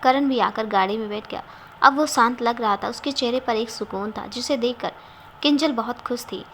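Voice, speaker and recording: A woman storyteller narrating a storybook in a steady, even reading voice. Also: fairly high pitch, normal speed, a little hiss or hum.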